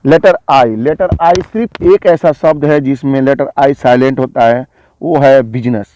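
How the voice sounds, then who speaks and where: A man explaining English silent-letter rules in a slow, measured way, reading out lists of example words one by one. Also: medium pitch, a little mellow, slight background noise. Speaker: English teacher.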